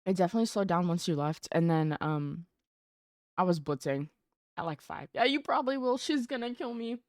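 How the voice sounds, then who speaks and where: A woman's voice: fairly low pitch, lively intonation, a little fast, no echo. A young adult woman streaming live, chatting casually with her chat while gaming and greeting viewers by name.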